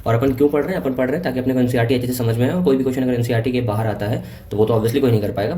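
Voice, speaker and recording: A man giving a casual Hinglish physics revision lecture. He keeps checking in with his students and reads textbook lines out slowly. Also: mid-range voice, dark tone. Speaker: NEET physics teacher. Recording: echoey room with faint ambient noise.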